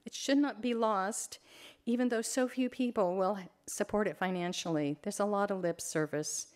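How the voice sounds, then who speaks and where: A woman's voice: mid-range voice, moderate pace, darkish tone. An older woman photographer giving an informal library talk, chatty, rambling and openly emotional at times.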